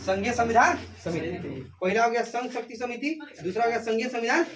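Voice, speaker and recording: A man's voice: very high voice, lively intonation, brisk, fairly bright tone. Man drilling a class, mic far off. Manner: repeats questions to the class, calls students beta. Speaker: teacher. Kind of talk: classroom lecture with call-and-response drilling. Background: students answering.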